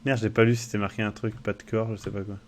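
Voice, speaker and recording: A man's voice: fairly low pitch, level tone, quick pace, slight background noise. A young man casually commenting on a game he plays live, chatting with viewers, swearing now and then, and reading on-screen text aloud. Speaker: game streamer.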